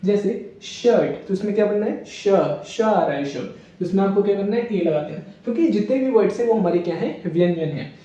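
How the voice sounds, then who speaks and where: A man's voice: high voice, expressive, brisk, mellow. Man teaching grammar in an echoey room. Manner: repetitive question-and-answer explaining. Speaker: English teacher. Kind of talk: classroom grammar lesson. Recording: echoey, distant, dull room sound.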